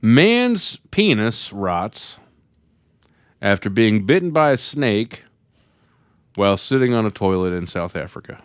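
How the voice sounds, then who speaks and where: A man's voice: fairly low pitch, sing-song, takes it slowly, pauses often, clear, resonant tone, no echo, studio quality. An American man co-hosting a comedy podcast, reading out news stories in casual chat and laughing often between lines. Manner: laughs often while reading headlines aloud. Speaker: podcast co-host.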